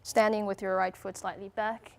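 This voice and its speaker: A woman's voice: medium pitch, flat delivery, normal speed, vocal fry, a little mellow, smooth. A woman working as a golf instructor, giving brief, agreeable replies and a drill tip on a live analysis show.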